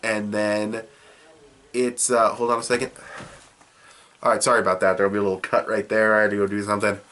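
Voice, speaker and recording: This young man talks quickly in a lowish, fairly bright voice with little pitch movement, against slight background noise. Nursing a cold and sniffling, he gives a casual video review of a show, wandering offhandedly with many fillers and restarts.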